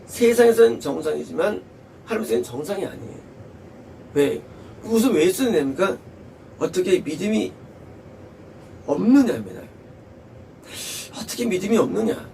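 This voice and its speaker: A man preaches with a high, animated voice that swings widely and has a gravelly edge. He presses his points hard, repeats phrases and asks rhetorical questions. He sounds set back from the mic, with faint noise behind him. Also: normal speed, long pauses, distant mic, poor audio. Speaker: pastor. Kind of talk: sermon.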